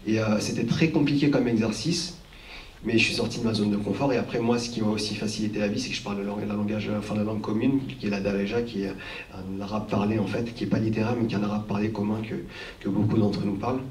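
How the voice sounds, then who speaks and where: Low-voiced man, distant in a roomy hall. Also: steady tone, fast, darkish tone. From France. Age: 30s. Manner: reflective, many fillers and restarts. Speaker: panel guest, record collector and documentary maker. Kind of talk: live panel discussion. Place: hall with an audience.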